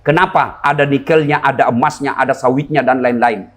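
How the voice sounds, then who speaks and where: A middle-aged man from Indonesia, preaching a humorous sermon before a crowd, acting out characters and shouting punchlines. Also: medium pitch, steady tone, brisk. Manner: jokey, plays characters and shouts for laughs. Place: large event before a crowd.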